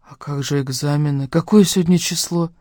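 Woman reader as a weak, hushed young patient; faint half-whispers, dry sound. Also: deep voice, steady tone, brisk, no room sound. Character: weak young man in a hospital bed. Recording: dry close studio sound.

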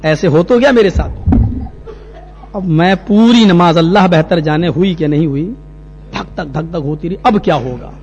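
Brief: high-pitched man preaching, lively storytelling, hall reverb with a faint hum. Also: long pauses, muffled recording. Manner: animated anecdote-telling, acting out characters. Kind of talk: sermon storytelling.

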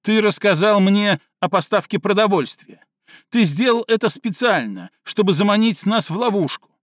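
A man voicing a young woman who is hysterical and tearful, shouting accusations in a shrill, sobbing voice, in an audiobook reading. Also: animated, moderate pace, dry recording, highs cut off. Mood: accusing.

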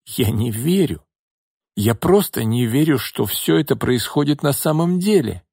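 A man's voice: mid-range voice, lively intonation, unhurried, vocal fry, darkish tone, slightly rough, no room sound, studio quality, pitched above the performer's own voice, heavily acted. A man voicing a frightened younger sister who gasps out her disbelief. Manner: gasping, disbelieving.

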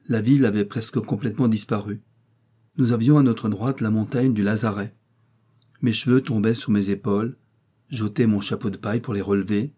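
A male audiobook narrator with a warm, mellow tone and a slightly husky edge. He reads old literary prose in a measured, steady way. His voice sits on the lower side. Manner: measured, even reading of nineteenth-century prose. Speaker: audiobook reader.

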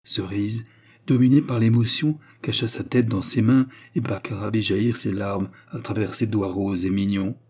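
A man reading a classic novel aloud as an audiobook narrator, in a measured, steady manner. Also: lowish voice, breathy edge.

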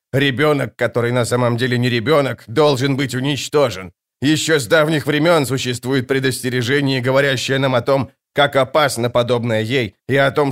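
A man voicing a very old, fanatical woman seer who hisses her words slowly and fervently. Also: mid-range voice, close to an everyday voice. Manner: slow, hissing, fervent.

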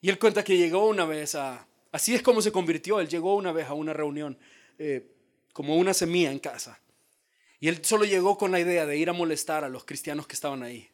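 A male pastor preaching a sermon in a dramatic style, dropping to a hush and then rising to shouts. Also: fairly high pitch. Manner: dramatic, acts out quoted voices, swings from hushed to shouted.

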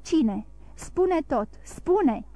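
Young nobleman, furious, accusing, cold, read by a woman, high voice, dry close recording. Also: lively intonation, dark tone, no echo. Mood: demanding.

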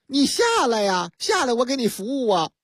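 A woman's voice: fairly high pitch, sing-song, moderate pace, slightly rough, no room sound, studio quality, heavily acted. A woman voicing a firm, patient male traffic policeman.

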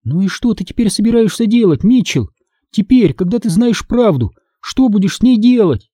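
A man's voice: high voice, lively intonation, moderate pace, dark tone, slightly rough, no room sound, studio quality, pitched above the performer's own voice. A man reading a storybook, voicing a cold, menacing ghost girl.

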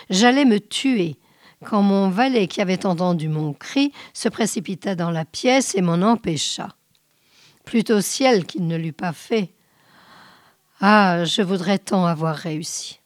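A woman reading a short story aloud in a measured, often hushed way. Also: mid-range voice, no room sound, studio quality. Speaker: reader.

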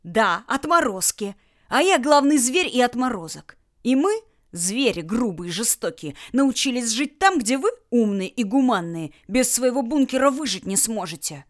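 A woman's voice: fairly high pitch, lively intonation, moderate pace, natural voice. A blunt, hot-tempered tough man who barks his words, voiced by a female audiobook narrator. His delivery is coarse and curt. The voice stays near the reader's own. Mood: furious. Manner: barking, blunt. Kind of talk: audiobook character voice.

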